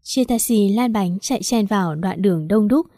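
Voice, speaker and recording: A woman narrates a first-person story in a steady, earnest reading voice. Her tone is warm and mellow, and the recording is dry and close. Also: medium pitch, moderate pace, dry recording.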